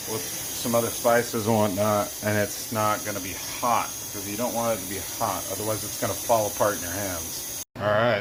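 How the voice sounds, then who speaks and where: A man talking casually through his home cooking in a giggly, loose, tipsy ramble. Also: on the low side. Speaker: home cook recording a cooking video. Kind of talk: casual cooking vlog talk. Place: home kitchen, indoors. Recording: clear background hum of air conditioning.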